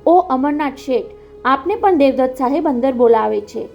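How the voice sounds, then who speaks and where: A man's voice: very high voice, lively intonation, gravelly, lo-fi sound, faint music behind, exaggerated voice. A woman voicing a flustered young male doctor whose voice chokes, in a storybook reading. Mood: distressed. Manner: hurried, choked.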